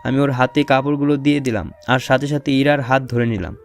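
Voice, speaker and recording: A man's voice: mid-range voice, steady tone, fairly quick, vocal fry. Playful young man narrating an audio romance. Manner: playful, teasing. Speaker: narrator and lead voice actor.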